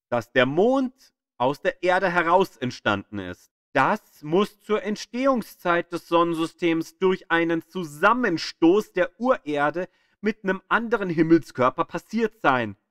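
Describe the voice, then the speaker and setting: With studio-quality sound and no echo, a man narrates a scripted educational audio guide like a playful tour guide. His delivery is deliberate and emphatic storytelling, in a voice that is a little high and a bit bright.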